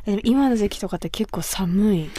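A woman's voice: medium pitch, lively intonation, normal speed, dark tone. Polite radio host woman from Kumamoto. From Kumamoto, Japan. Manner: polite, attentive, with frequent short acknowledgments. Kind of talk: casual radio interview.

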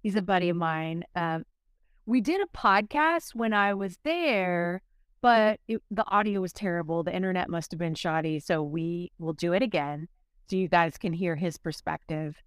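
A middle-aged woman co-hosting a podcast, telling her dating stories in an animated, casual way and laughing often. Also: fairly low pitch, moderate pace, smooth, no room sound, clean studio sound. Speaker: podcast co-host.

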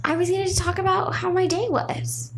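A woman's voice: very high-pitched, steady tone, normal speed. A woman, co-hosting a podcast in casual banter. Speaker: podcast co-host. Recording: roomy echo, faint background noise.

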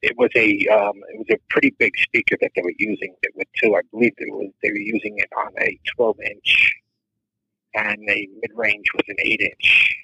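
Gravelly, husky man calling in, halting. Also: fairly low pitch, very animated, sharp tone, no echo, rough recording. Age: older than the host. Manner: halting, searching for details. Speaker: caller. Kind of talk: casual call-in chat.

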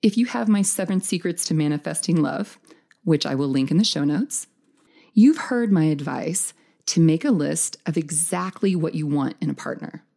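A woman's voice: low voice, animated, moderate pace, vocal fry, dark tone. A woman hosting a scripted dating advice podcast, speaking in an upbeat, tidy, encouraging way like an advice vlogger. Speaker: podcast host.

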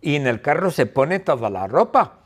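A male teacher narrating a story slowly and playfully for language learners, repeating phrases and adding sound effects. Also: on the high side, very animated, slightly rough. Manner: slow, repetitive, playful retelling with sound effects.

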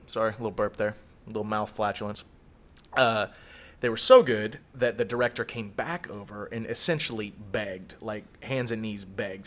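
A man's voice: fairly low pitch, a bit bright. A middle-aged man chatting casually on a podcast, telling a story in a rambling, profane way. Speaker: podcast co-host. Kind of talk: casual chat.

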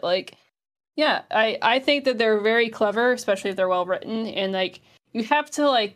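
A chatty woman co-hosting a podcast who leans on "like" as she talks. She sounds enthusiastic and asks the others questions. Her voice sits at a middle pitch. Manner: chatty, lots of "like" fillers, enthusiastic. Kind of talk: casual chat.

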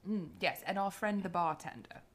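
A woman voicing a polite, formal negotiator who talks in elaborate, halting courtesies. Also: fairly low pitch, close to an everyday voice. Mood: courteous.

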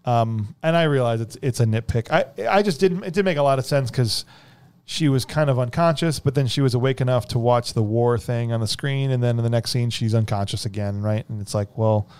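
Male podcast host, medium pitch, casual jokey film discussion. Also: brisk, a little mellow, clean tone.

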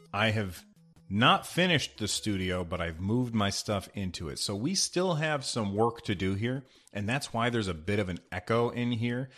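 A man with a lowish voice hosts a podcast on his own, talking in a chatty, rambling way. His voice bounces around an unfinished studio room and comes back with a clear echo. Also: fairly bright tone. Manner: chatty and rambling, many fillers. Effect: echoey half-finished room. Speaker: podcast host. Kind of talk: casual solo podcast talk.

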